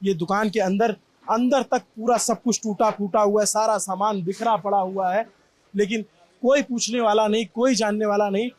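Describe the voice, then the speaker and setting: A man's voice: high voice, fairly even intonation, normal speed. A man from Prayagraj, India, giving an impassioned, emphatic on-site news report from a damaged shop. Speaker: field reporter. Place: at a damaged shop after a crowd crush.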